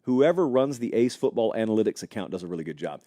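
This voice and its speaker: A man hosts a live college football talk show, chatting animatedly, speculating out loud, and answering viewers in the live chat. His voice is fairly low and he talks fast, captured in dry, studio-quality sound.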